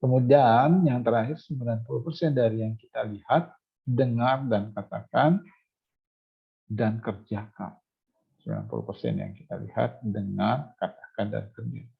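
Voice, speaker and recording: Gravelly-voiced male lecturer, lo-fi. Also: mid-range voice, animated, moderate pace. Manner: explanatory, many fillers and restarts, asks students if they follow. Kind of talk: recorded university lecture. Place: classroom or online class.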